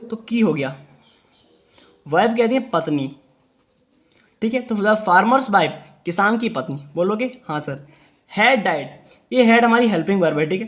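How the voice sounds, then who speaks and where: A man, teaching English reading; he asks questions and answers them himself, reading sentences slowly word by word. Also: sits high, fairly bright tone. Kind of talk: Hindi-language reading lesson.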